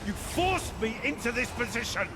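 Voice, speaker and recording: A stern warrior boss. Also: male voice, very high-pitched, very animated, normal speed, heavy background noise, heavily acted. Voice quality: commanding, accusing. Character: stern male warrior boss, brother turned enemy. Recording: game audio over loud music. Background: loud game music.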